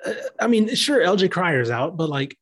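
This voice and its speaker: A man co-hosting a casual sports podcast, thinking aloud with many pauses and fillers. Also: sits high, very animated, a bit bright.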